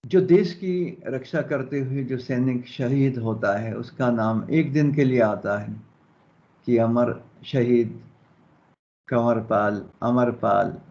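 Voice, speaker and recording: A man's voice: mid-range voice, slow, mellow. A male Hindi teacher explaining a story in a lesson, checking in with his students as he goes. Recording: dull lo-fi audio.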